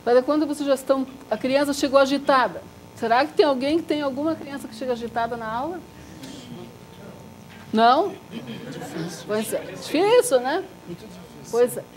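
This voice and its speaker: A woman teacher leading a live Suzuki violin workshop, lively and demonstrative, chanting body parts in rhythm with the group. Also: normal speed, long pauses. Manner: lively and demonstrative, drops to a soft low voice to make a point. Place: workshop room with a group of students.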